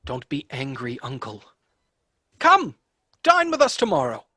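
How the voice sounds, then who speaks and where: An actor playing a cheerful, warm-hearted young gentleman in a radio play, speaking earnestly. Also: medium pitch, huge pitch swings, measured pace, no echo, clean studio sound, heavily acted. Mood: pleading. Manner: earnest, impassioned, declamatory. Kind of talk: theatrical radio play acting.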